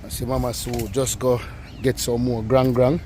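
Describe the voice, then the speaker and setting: A man with a Jamaican accent hosting an outdoor cooking vlog, chatting in relaxed patois and teasing playfully. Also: mid-range voice, normal speed, slight background noise. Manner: laid-back patois banter, playful teasing. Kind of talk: casual outdoor cooking chat. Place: outdoors beside an open cooking fire.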